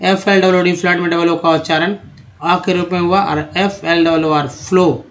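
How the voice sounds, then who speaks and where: A man teaching English pronunciation over slides, drawing out and repeating sounds slowly so learners can copy them. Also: sits high, steady tone. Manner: drawn-out, repeating words slowly to show pronunciation. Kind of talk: slide-based phonics lesson.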